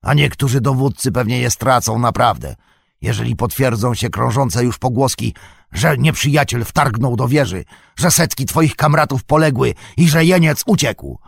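A snarling orc brute, as a man puts him on for an audiobook, barking out threats in a gravelly voice. His pitch swings widely from growl to roar. The sound is close and dry, with a raspy edge. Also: expressive, moderate pace, no room sound. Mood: blustering. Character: snarling male orc soldier, brutal and threatening. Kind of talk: audiobook reading.

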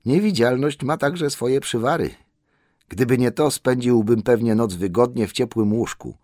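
A man's voice: medium pitch, moderate pace, darkish tone, no echo, clean studio sound, pitched above the performer's own voice, lightly acted. A man voicing a small, dazed and wounded male hobbit in a storybook reading, in a raised, strained, plaintive tone. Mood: wry. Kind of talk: audiobook character voice.

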